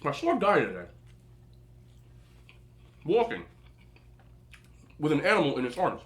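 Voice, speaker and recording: A man hosting a mukbang, chatting casually and telling an animated, slangy, incredulous story between bites as he eats. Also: fairly high pitch, unhurried. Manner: eating between phrases. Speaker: host of a mukbang video. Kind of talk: casual rambling storytelling while eating.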